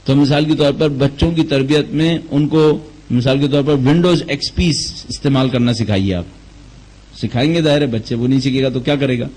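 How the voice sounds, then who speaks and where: A man's voice: mid-range voice, darkish tone, rough recording. A man delivering a Quran commentary lecture, asking rhetorical questions and telling anecdotes to make his points. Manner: rhetorical questions, tells jokes as examples. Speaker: religious lecturer.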